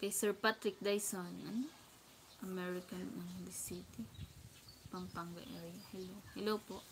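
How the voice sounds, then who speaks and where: A woman vlogger reading viewer shout-outs in a soft, unhurried, apologetic way during casual livestream chat. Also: fairly low pitch, flat delivery, a little hiss or hum. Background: birdsong and outdoor ambience.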